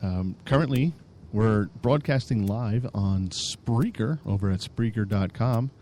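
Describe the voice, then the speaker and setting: A man's voice: on the low side, a little slow, dark tone, slight background noise. A man co-hosting a podcast, chatting in a rambling, laid-back, joking way. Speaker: podcast co-host. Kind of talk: casual chat.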